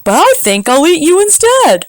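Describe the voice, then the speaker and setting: A woman voicing a hungry, brash roadrunner bird in a storybook read-aloud, speaking quickly and eagerly. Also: very high voice, huge pitch swings, dry recording, studio quality, pitched above the performer's own voice, full character voice. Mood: greedy.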